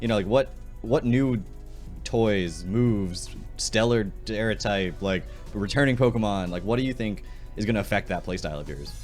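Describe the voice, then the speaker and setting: A man's voice: fairly low pitch, moderate pace, faint music behind. A young man interviewing a guest, asking enthusiastic, rambling questions in a casual chat.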